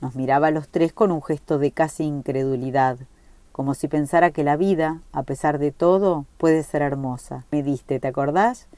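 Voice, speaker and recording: A woman reading a short story aloud in a measured, reflective way. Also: deep voice, steady tone, mellow, dry recording. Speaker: reader.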